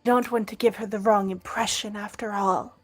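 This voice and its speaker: A woman voicing a polite young adventurer in a tabletop game, halting and bubbly. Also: mid-range voice, fairly even intonation, soft background music, lightly acted. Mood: pleading.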